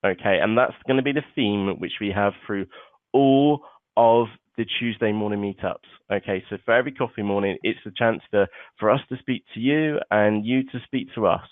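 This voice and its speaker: Speaking at normal speed in a fairly low voice, a man hosts a live online seminar, casual and talkative, often filling gaps with "okay" and "uh." His web conference microphone produces tinny, phone-like call audio with no room sound.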